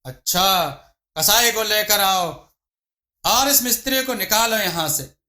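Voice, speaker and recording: A man's voice: sits high, slow, pushed and bright, full character voice. A man voicing a foolish, bossy king who gives commands, in an echoey room. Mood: interrogating.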